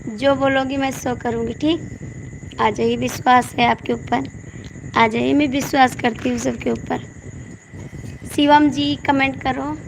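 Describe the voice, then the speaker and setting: Hoarse woman livestreamer, high and slow, gravelly, crickets loud behind. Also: noisy background. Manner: pleading, coaxing, repeats requests. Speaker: folk singer hosting a live stream. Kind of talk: casual live-stream chat with viewers. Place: indoors at night with the power out.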